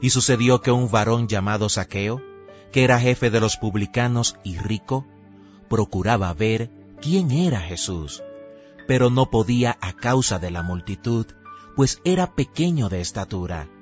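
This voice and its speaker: A man reading scripture as a solemn, measured biblical epic narrator, with deliberate pauses. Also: fairly low pitch, expressive. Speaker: Bible narrator. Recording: dull lo-fi recording with music behind. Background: music.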